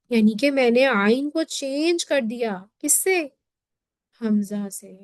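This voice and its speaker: A woman teaching Quran recitation in an online lesson. She explains each point patiently, checks in often with a quick question, and sounds out letters in slow drawn-out syllables. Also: fairly high pitch, a little mellow, no room sound.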